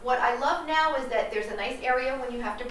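A woman's voice: high voice, brisk, a bit bright, far from the mic. A middle-aged woman presenting a makeover show as its host and professional organizer. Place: small office indoors. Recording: echoey room, off-mic, faint noise.

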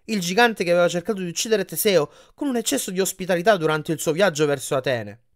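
A man reading an audiobook chapter aloud with expressive delivery. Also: sits high, fast. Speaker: audiobook reader.

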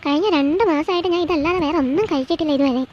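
A woman's voice: high voice, fast talker, over music, lightly acted. A woman voicing a spoiled, whiny rich young bride. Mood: indignant. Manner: whiny, petulant complaining. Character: spoiled rich young daughter-in-law, complaining and demanding. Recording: dull lo-fi with faint hiss.

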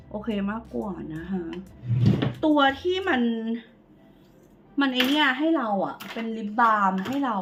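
A woman's voice: a little high, sharp tone. A woman doing a casual makeup review vlog, chatting to viewers like friends in a slangy way. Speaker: beauty vlogger.

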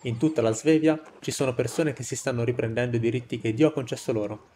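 A man's voice: medium pitch, steady tone, fast, warm tone, slight background noise, lightly acted. A man voicing a defiant villager in a game, earnestly urging peasants to revolt. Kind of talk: game dialogue read aloud.

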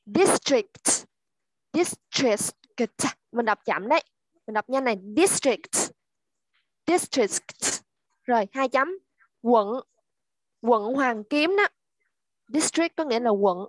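A woman teaching children English online, slowly repeating words to drill pronunciation. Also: fairly high pitch, lively intonation, no echo. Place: at home.

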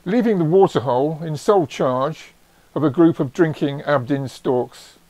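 A man giving scripted nature documentary narration in a measured, descriptive storytelling way. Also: fairly high pitch, warm tone, dry recording. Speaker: narrator of own wildlife travel film.

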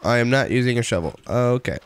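A young man chats loosely through a live game stream, answering chat between bursts of excitement. His voice sits at an ordinary middle pitch. A faint hiss and the click of keys run under the desk mic. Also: brisk. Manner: chatty, reads chat aloud, excited outbursts while playing. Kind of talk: casual live-stream commentary.

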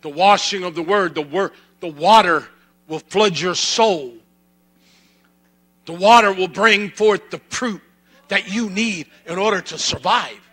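A man preaching a sermon in a slow, drawn-out delivery. His voice sits high and rings bright and sharp, repeating phrases as he presses each point. A low electrical hum runs under the recording. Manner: preaching with rising fervor, repetitive cadence. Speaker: pastor.

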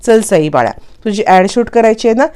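A woman's voice: on the high side, lively intonation, moderate pace, a little mellow, pitched above the performer's own voice, lightly acted. A woman reading a bossy, scornful schemer. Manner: bossy, dismissive.

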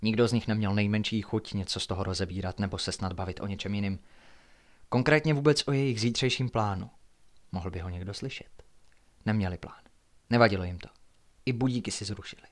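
A man reading his own horror story aloud in a hushed, suspenseful way, sometimes dropping to near-whispers. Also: on the low side.

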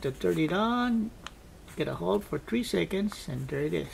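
A man casually narrating a product test as a reviewer, haltingly thinking aloud. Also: high-pitched, animated, gravelly, over loud music. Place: indoors at a tabletop. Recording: faint background noise.

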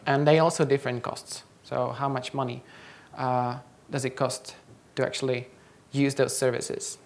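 A young native Czech speaker from the Czech Republic, working as a conference speaker, gives a tech talk on stage through a handheld mic in a large lecture hall. His medium-pitched voice moves at a moderate pace with little pitch movement, and he stops often to quiz the audience.

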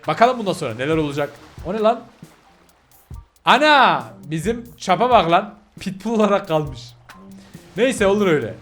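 A young Turkish man hosting a gaming channel, loudly commentating his gameplay and shouting orders at the characters. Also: sits high. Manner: loud, shouting and yelling at the game.

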